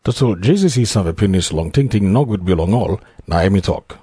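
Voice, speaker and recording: A man's voice: sits low, animated, moderate pace, dark tone, slightly rough, no echo, clean studio sound. A man with a Papua New Guinean accent narrating scripture from a script.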